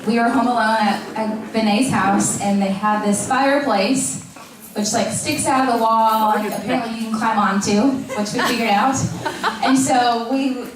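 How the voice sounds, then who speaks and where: Young woman toasting in an echoey hall. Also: a little high. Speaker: wedding guest giving a toast. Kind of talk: informal wedding speech. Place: large echoey room at a wedding reception. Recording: echoey hall, far mic, audience audible. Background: audience crowd.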